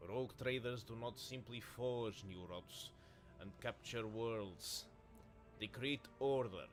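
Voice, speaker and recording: A man's voice: medium pitch, takes it slowly, soft background music, natural voice. A man voicing a stern, proud older male seneschal and former navy officer, who speaks in a formal, reproachful way. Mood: earnest.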